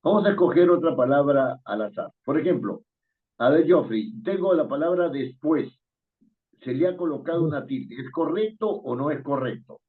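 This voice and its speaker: A man's voice: on the high side, animated, normal speed. Patient male teacher over a tinny call. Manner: patient, questioning, chuckles often. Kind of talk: online class on spelling. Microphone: video call. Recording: tinny phone-like call audio.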